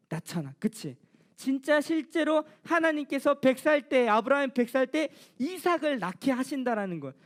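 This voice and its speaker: A woman pastor giving a children's sermon, telling the story with questions to the children. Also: high voice.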